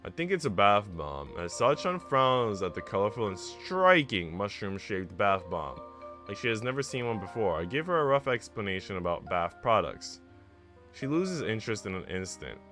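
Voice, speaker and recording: A man's voice: fairly low pitch, big pitch swings, normal speed, sharp tone. A man live streaming, switching between casual chat with viewers and reading story text aloud. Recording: music playing behind the voice. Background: background music.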